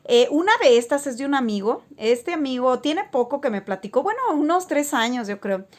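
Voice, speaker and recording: A woman's voice: high voice, lively intonation, normal speed. A woman casually telling stories to her viewers, rambling with frequent fillers and restarts. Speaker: spiritual vlogger. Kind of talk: casual storytelling to camera.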